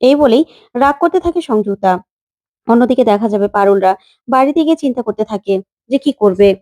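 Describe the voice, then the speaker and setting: A woman storyteller retelling the plot of a drama serial in a rapid, eager way. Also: on the high side, expressive, mellow, no room sound.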